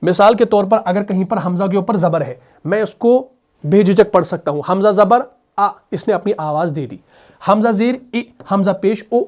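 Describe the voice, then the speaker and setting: A male Quran recitation teacher giving an explanatory tajweed lesson, asking questions and answering them himself and drilling sounds slowly. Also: sits high, a little mellow. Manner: drills sounds by slow repetition.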